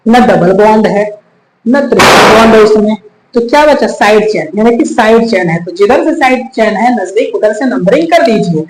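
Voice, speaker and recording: At a whiteboard, a man teaches chemistry, going over steps again patiently, counting aloud, and addressing the class as children. He has a high-sitting voice, and the echoey room carries faint ambience and slight background noise.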